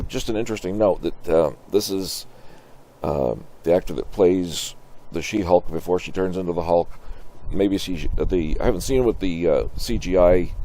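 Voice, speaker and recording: An older man giving halting, musing, off-the-cuff commentary in a grandpa voice, as host of a reaction video. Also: sits low, warm tone. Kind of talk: casual off-the-cuff trailer commentary. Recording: slight background noise.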